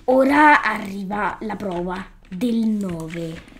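Slow-talking woman playing a game. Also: medium pitch, expressive, a little hiss or hum. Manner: playful, exclaiming at the game, scolding fish and stalkers. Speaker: gaming YouTuber. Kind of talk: Let's Play commentary.

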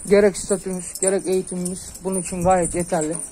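A man's voice: sits high, little pitch movement, fast, low-quality recording. A man, a pigeon keeper, talking casually and earnestly to his viewers while filming outdoors on a rooftop with a phone. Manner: earnest, advising, calls pigeons with soft hissing sounds. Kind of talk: casual vlog talk to viewers.

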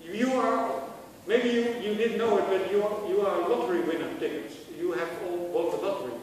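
A man's voice: high voice, brisk, a little mellow, slight background noise. A middle-aged man with a Dutch accent giving a university lecture, asking students rhetorical questions and often restarting his phrases. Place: large lecture hall. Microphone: far camera. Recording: echoey hall recorded from far off.

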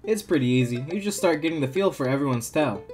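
A man's voice: fairly high pitch, expressive, quick pace, a little mellow, faint music behind, lightly acted. A man reading the lines of a cocky, teasing poker-shark friend in a dating-sim playthrough. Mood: smug.

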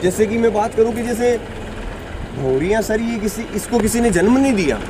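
A man's voice: high-pitched, lively intonation, moderate pace, background noise. A man in his thirties with a Rajasthani Hindi accent, a stud farm owner earnestly explaining his horses outdoors, often saying "ठीक है". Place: sunny outdoor farm yard beside a horse.

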